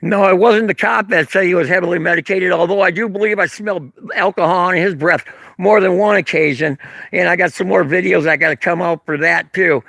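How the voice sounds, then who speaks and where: Gravelly, high-voiced angry man streaming. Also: steady tone, fairly quick, fairly bright tone, no room sound. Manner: angry, profane, sarcastic, with chuckles. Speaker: livestreamer filming local police. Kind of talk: live-streamed rant reading chat comments. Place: outdoors on a street corner. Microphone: handheld camera.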